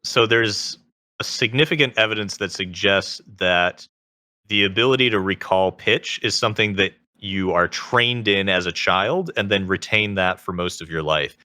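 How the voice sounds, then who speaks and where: A man with a very low-pitched voice edged with vocal fry, speaking as a guest in a conversational interview. His tone is forceful and bright, and the sound is close and dry. He explains things in a measured way, adding qualifications as he goes. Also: dry recording. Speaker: interview guest, self-taught singer.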